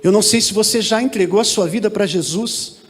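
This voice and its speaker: High-voiced pastor preaching fervently. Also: male voice, quick pace. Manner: fervent preaching, building to shouted prayer. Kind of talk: sermon. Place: large church hall. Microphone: handheld microphone. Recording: reverberant church hall with faint ambience.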